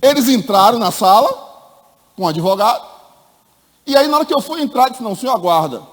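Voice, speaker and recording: A middle-aged man giving a personal testimony at a church meeting. He tells the story in an animated way, acts out the people in it, and calls his listeners "my brother.". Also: extremely high pitch, a little fast. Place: church hall. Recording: long reverb of a church hall.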